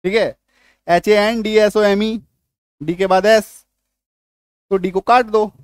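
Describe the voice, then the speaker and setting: A man giving an English pronunciation lesson in a fairly high voice. He spells words out slowly letter by letter and keeps asking his class questions. The recording is dry and close, with no room sound. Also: steady tone, clear, resonant tone, dry recording. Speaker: English teacher.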